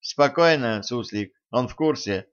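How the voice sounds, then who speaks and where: A male narrator voicing a bold, sharp-tongued young woman who answers with sarcastic retorts. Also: mid-range voice, animated, a little slow, lo-fi sound, lightly acted. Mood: snappy.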